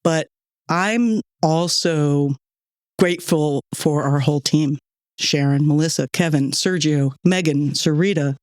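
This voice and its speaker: A woman's voice: low-pitched, a little slow, darkish tone, dry recording, studio quality. A woman hosting a podcast in casual chat, talkative and grateful, laughing often between thoughts. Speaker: podcast host and producer. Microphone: studio microphone.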